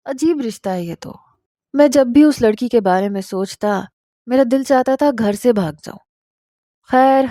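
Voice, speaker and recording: Woman reading a love story, calm steady pace, mellow, dry mic. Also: mid-range voice, dry recording. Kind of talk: first-person story narration.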